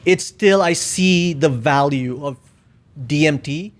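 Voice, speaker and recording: A man's voice: a little high, takes it slowly. A man talking as a podcast guest in casual conversation, reflective and searching for his words with frequent fillers.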